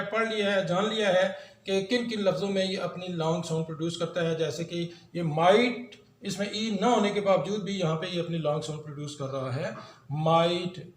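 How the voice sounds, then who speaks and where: This is a man, teaching English long vowels in a slow, repetitive way. He draws out each vowel and says the example words over and over. The recording sounds roomy and echoey, with a faint hum underneath. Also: high voice. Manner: explains slowly, drawing out and repeating example words. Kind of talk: recorded phonics lesson.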